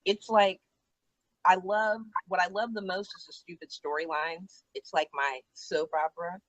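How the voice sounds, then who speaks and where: A chatty, animated woman talks wrestling in a relaxed, casual way, laughing easily. The sound is dry and close, with no room around it, but dull and lo-fi. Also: on the low side, moderate pace, no room sound. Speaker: co-host. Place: outdoors out back.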